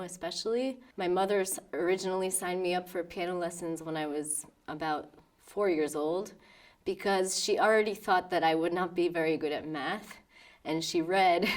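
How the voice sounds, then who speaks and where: A pianist in her thirties from New York, United States, speaks with an American accent in a documentary interview about her life. Her lowish voice sits far from the mic, and her thoughtful answers include soft laughter and restarts.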